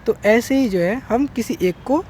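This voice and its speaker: A man teaches an online English lesson at a very unhurried pace, spelling things out piece by piece and checking in often. Faint street traffic hums in the background. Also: very high voice, expressive, darkish tone. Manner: slow, repetitive explaining with frequent "theek hai".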